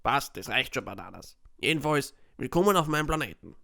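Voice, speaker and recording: A man's voice: mid-range voice, brisk, vocal fry, full character voice. A man with an Austrian accent voicing a bored, eccentric old alien martial arts master in a parody fan dub. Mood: boastful. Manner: boastful, grumpy, deadpan.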